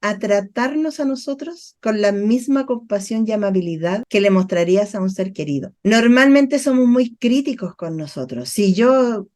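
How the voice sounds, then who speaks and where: Mellow-voiced woman explaining with examples. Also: medium pitch, lively intonation, moderate pace, few pauses. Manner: explains with acted-out everyday examples. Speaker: guest, mental health teacher. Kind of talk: explanatory conversation.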